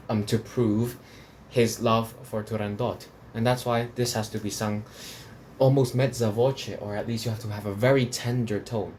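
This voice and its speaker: A man with a mid-range voice, from Hong Kong, reviews opera recordings against slight background noise. He rambles casually, restarting frequently and leaning on fillers, with laughs between his points.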